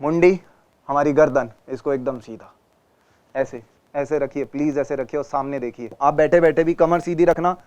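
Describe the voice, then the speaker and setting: A man teaching a theatre class, coaching students on posture, breathing and clear speech, often calling them beta and acting out examples. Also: on the high side, fairly even intonation, moderate pace, darkish tone, muffled recording. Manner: coaching, addresses students as beta, mixes Hindi and English.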